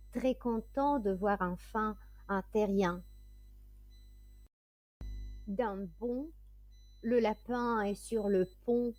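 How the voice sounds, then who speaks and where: A woman teaching French pronunciation, reading word lists and example sentences in a careful, clearly enunciated way. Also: mid-range voice, darkish tone, dry recording. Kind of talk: slow, deliberate word-list reading.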